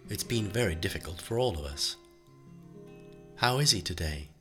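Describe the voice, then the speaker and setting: A man voicing a prim, middle-aged male Swedish doctor with a Swedish accent, speaking in polite, formal, carefully measured phrases. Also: deep voice, animated, a bit bright, faint music behind. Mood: smoothly reassuring.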